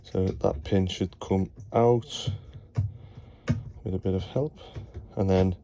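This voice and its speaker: Holding his phone to record himself, a man repairs pipes and wiring while casually explaining what he's doing, often dropping in "obviously." He talks slowly in a low, dark voice with an even tone.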